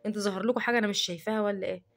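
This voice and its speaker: Talking to camera in a casual cooking vlog, an Egyptian-accented woman defends herself in an indignant rant. Her pitch sits in the middle range, her intonation stays fairly even, and her delivery is very fast.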